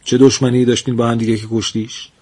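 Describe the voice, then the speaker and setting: A man's voice: medium pitch, little pitch movement, darkish tone, breathy edge. A man voicing a stern, commanding king in a spoken folk tale, brusque and mocking.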